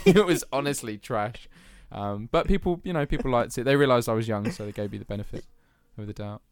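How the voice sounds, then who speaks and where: A man's voice: mid-range voice, fairly quick, clear, resonant tone, no echo. A young man from England, chatting casually on a podcast, laughing easily and using plenty of fillers. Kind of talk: casual chat.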